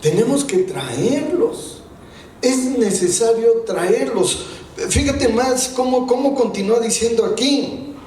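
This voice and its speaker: High-voiced preacher in an echoey hall. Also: male voice, expressive, takes it slowly, a little mellow. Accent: Mexican Spanish. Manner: preaching with rising emphasis and rhetorical questions. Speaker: pastor. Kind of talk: sermon. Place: church meeting hall. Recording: very echoey hall, voice from far off, faint room noise.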